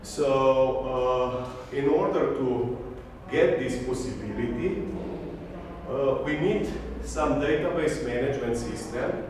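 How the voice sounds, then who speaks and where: Off-mic in a large conference hall full of echo and audible noise, a Slovenian-accented man delivers a technical talk at a slow pace and medium pitch. He lists things one by one and pokes fun at himself.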